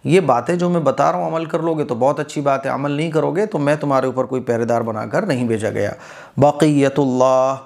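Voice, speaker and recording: A man's voice: fairly high pitch, gravelly. A man giving a religious lesson, explaining patiently phrase by phrase and asking rhetorical questions. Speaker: Quran teacher.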